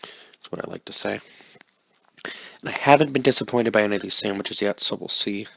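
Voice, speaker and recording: A man's voice: lowish voice, moderate pace, creaky, sharp tone, breathy edge. A man casually reviewing a microwave meal, rambling and unsure of himself, talking while he eats. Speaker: food reviewer. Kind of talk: casual food review vlog.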